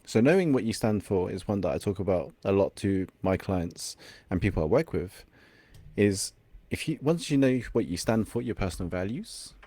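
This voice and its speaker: Guesting on a podcast, a young confidence coach from England whose first language is Cantonese speaks in a lowish, dark, animated voice at a moderate pace. The recording is dry, and he is reflective, at times pausing to find words.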